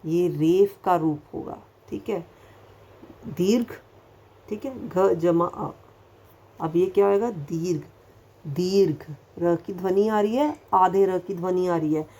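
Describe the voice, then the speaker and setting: Woman teacher, recorded lesson, unhurried, lowish voice, repeats each word carefully. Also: mellow, husky. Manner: slow, patient, asks questions and answers them herself; repeats words carefully to show their sound. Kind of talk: recorded Hindi lesson for children.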